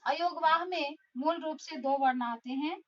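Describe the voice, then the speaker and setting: A woman with a high voice teaches a classroom lesson, explaining each point slowly and deliberately. She sounds some distance from the mic, and the recording is dull and lo-fi. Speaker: school teacher. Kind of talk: classroom lesson on Hindi phonetics.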